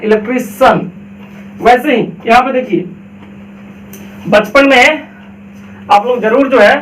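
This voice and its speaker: A man's voice: extremely high pitch, a bit bright, roomy sound, recorded from a distance, slight background noise, low-quality recording. A man teaching a pronunciation lesson, explaining step by step and asking and answering his own questions, with a Bihari Indian accent. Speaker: English teacher.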